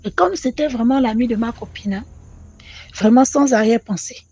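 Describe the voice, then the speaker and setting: Husky high-voiced woman telling a story. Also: normal speed, dry recording. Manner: animated, repetitive, addresses the channel directly. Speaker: caller sharing a personal story. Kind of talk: personal testimony storytelling.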